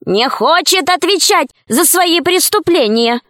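A woman's voice: very high-pitched, animated, unhurried, a bit bright, no room sound, clean studio sound, pitched above the performer's own voice, heavily acted. A woman voicing a stern, reproachful old grandmother in a storybook reading. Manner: scolding, prim.

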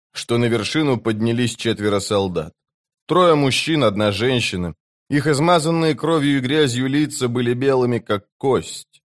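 A man narrating a fantasy audiobook in an even, measured way. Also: mid-range voice. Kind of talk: scripted narration.

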